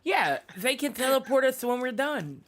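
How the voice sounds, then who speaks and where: A man in a tabletop game, playing his character in a brash, excitable way. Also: extremely high pitch, normal speed. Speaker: player.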